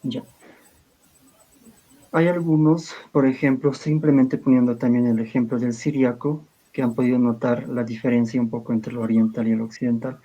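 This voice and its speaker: A man on a live stream explaining liturgical languages in casual talk, pausing often to search for words and reading sample prayers slowly. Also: mid-range voice, flat delivery, mellow, poor audio.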